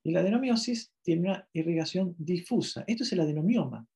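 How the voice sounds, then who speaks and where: A man's voice: high voice, expressive, brisk, vocal fry, dark tone. A man from Argentina giving a medical ultrasound lecture, explaining step by step with frequent checking questions and self-corrections.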